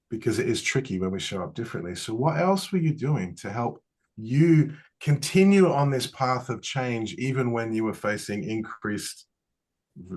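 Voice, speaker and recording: Thoughtful man interviewer, low voice. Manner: reflective, thoughtful, searching for words. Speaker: interviewer, coach. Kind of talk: interview questions and commentary.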